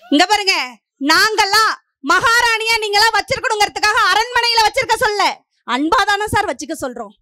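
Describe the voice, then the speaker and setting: A woman's voice: very high voice, lively intonation, a little fast, bright, forceful tone, no room sound, studio quality. A middle-aged woman from Puducherry giving a stage debate speech, declaiming in rhythmic parallel lines and pressing her point. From Puducherry, India. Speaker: debate speaker.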